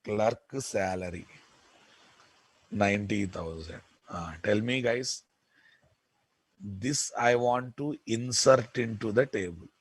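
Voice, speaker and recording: A man with a Telugu Indian accent teaching software in an informal lecture, repeating points emphatically and often checking with listeners. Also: lowish voice, slow pace, pauses often, husky, no room sound, low-quality recording. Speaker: programming instructor.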